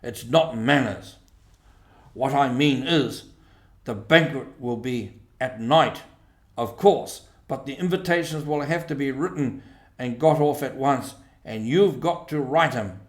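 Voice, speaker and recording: A man's voice: mid-range voice, measured pace, echoey room, lightly acted. A man voicing a stern, bossy badger in a storybook reading, speaking in a short, commanding manner. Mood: cross, bossy. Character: stern, brisk, bossy older male Badger.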